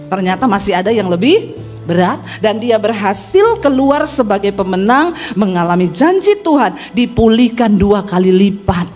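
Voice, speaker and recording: Fiery woman pastor preaching. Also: fairly high pitch. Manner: preaching with sudden swings between loud and hushed; addresses the congregation directly with call-and-response questions. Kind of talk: sermon. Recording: faint music behind.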